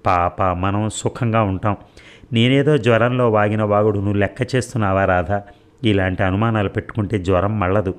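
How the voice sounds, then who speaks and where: A man's voice: on the low side, fairly even intonation, moderate pace, close to an everyday voice. A man playing an anxious young husband who earnestly coaxes and reassures his sick wife. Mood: pleading.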